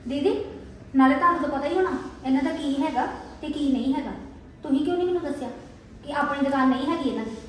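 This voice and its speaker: An actress playing a young wife who angrily accuses her husband of lying, sharp and reproachful. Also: high voice, quick pace, a little hiss or hum, close to an everyday voice. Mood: bitter. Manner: reproachful, sharp, repeats herself. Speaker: wife in a family drama. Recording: echoey room from a distance.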